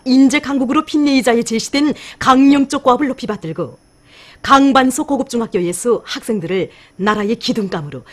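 Female news narrator, North Korean accent, fairly high voice, formal scripted delivery.

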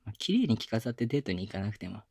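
Sing-song, rapid-fire and exaggerated, a voice actor with a lowish voice performs a rough-talking but doting young boyfriend in a Japanese girlfriend-experience roleplay audio drama. He coaxes and pampers his partner in casual slang, softening it with close whispers now and then, recorded binaurally. The mood stays tender and teasing.

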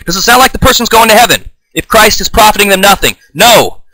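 A man giving an improvised, combative video sermon, reading scripture aloud, often restarting and clearing his throat. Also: sits high, lively intonation, quick pace, pushed and bright, no echo, low-quality recording. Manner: fired-up, combative, denouncing opponents. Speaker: self-taught online preacher.

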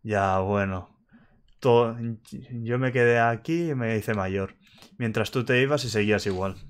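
A man's voice: mid-range voice, a little slow, clear, resonant tone, lightly acted. Guy reading bitter croc girl, curt and mean, mid voice. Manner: curt, cutting, scornful. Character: bitter, sharp-tongued young female crocodile.

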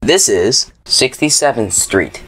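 A man reading scripted transit announcements like a subway or airport announcer, in a formal, measured manner. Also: mid-range voice, animated, a bit bright, no echo. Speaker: train announcer.

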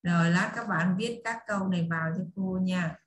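Một cô giáo giọng miền Nam dạy tiếng Anh trực tuyến cho trẻ em, hay nhắc lại, giải thích và dỗ dành học trò. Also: female voice, lowish voice, brisk. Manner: coaxing, repeating, explaining. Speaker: online English tutor for children. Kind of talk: teaching English to kids. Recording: echoey room, faint hiss and clicks.

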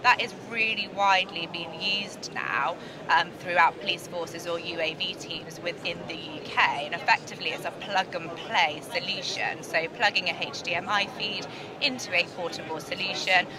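On a crowded indoor trade show floor, a middle-aged British sales and marketing director is interviewed, explaining her company in a measured, corporate, promotional manner. Her voice is lowish and steady, picked up by a handheld mic at chest level amid the crowd noise of the busy exhibition hall.

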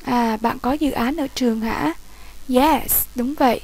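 Slow, high-voiced woman teacher. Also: a little mellow, slight background noise, poor audio. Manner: reads English lines slowly, then explains in Vietnamese. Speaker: English teacher. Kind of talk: bilingual English lesson for children.

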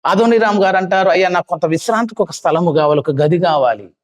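A man's voice: high voice, expressive, fast. A man preaching a sermon at a youth meeting, retelling a story dramatically with impassioned rising cries. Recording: hall with long reverb.

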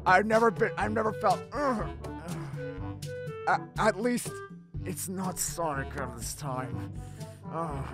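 A man's voice: sits high, takes it slowly, pauses often, over loud music. A man voicing an edgy, brooding hedgehog in a comic dub, stammering and repeating himself in an overwrought way. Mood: shaken relief. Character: edgy, brooding male hedgehog, panicky and easily disgusted.

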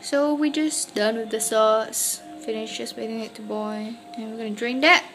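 A young woman cooking with a friend in a small home kitchen at night, answering in quick, easygoing replies. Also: on the high side, fairly even intonation, a bit bright, faint music behind. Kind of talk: casual chat. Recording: noisy kitchen with sizzling pan.

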